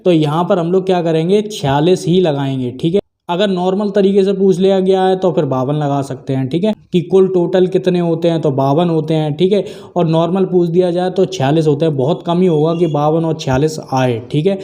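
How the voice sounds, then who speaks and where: A man teaching an exam-prep grammar lesson, his voice a little high and dark in tone. He keeps saying "theek hai" and asks and answers his own questions as he explains. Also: a little fast.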